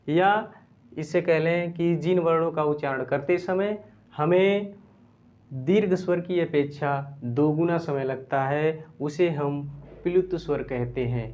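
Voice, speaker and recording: A man with a somewhat high voice teaches a grammar lesson. He explains each point step by step, repeats key phrases and slows to dictate definitions one word at a time. The sound is muffled and lo-fi. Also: darkish tone. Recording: dull lo-fi recording.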